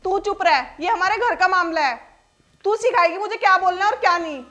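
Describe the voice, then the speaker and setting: A woman playing a scornful, shrill daughter-in-law. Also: normal speed, pushed and bright, soft background music. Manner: harsh, scolding, contemptuous. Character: arrogant daughter-in-law with a government job, cruel and scornful.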